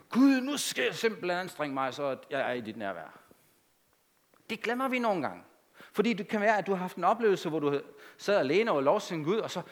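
A man preaching a sermon to a congregation, emphatic and animated, with conversational asides. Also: a little high.

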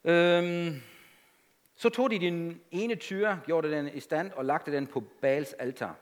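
A man preaching a sermon to a congregation, emphatic and animated, with conversational asides. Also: a little high.

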